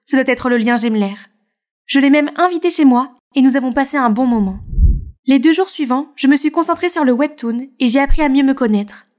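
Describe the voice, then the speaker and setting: A woman plays a shy young artist narrating her own cartoon story. Her voice is high and expressive, and she tells the events with feeling. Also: fairly quick, lightly acted. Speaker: narrator and heroine. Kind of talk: animated story dub narration.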